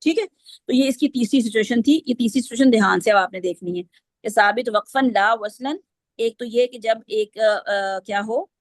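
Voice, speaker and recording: A woman's voice: a little high, normal speed, dry recording. A woman teaching Quranic recitation rules, explaining step by step and quizzing her students. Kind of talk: online class lesson.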